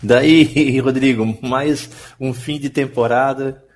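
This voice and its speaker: Brazilian man giving casual, halting commentary. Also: medium pitch, steady tone, soft background music. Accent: Brazilian Portuguese. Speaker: podcast guest and film betting writer.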